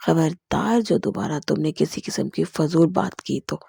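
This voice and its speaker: Brief: a woman reading as a stern, short-tempered older husband, scolding, warm and breathy tone. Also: low-pitched, no room sound, clean studio sound, full character voice. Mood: angry.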